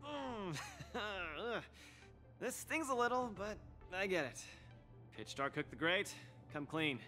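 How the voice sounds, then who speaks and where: Bright, high-voiced earnest young fighter. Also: male voice, slow pace, soft background music, heavily acted. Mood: stung but accepting. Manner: earnest, boyish, expressive. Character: earnest, spirited young male fighter, self-doubting but game. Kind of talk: video game voice acting.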